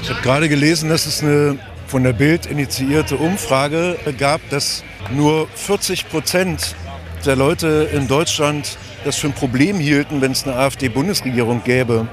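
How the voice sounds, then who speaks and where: A man's voice: on the high side, steady tone, measured pace, music in the background. A man reporting on the spot from a square, wry as he observes the scene. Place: outdoors in a town square.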